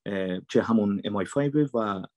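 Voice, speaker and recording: A man's voice: on the low side, warm tone, dry recording. Earnest Mashhadi-accented man, dry sound. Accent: Mashhadi Persian. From Mashhad, Iran. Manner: earnest, emphatic, repeats for stress. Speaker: voice actor and dubber. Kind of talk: interview answers.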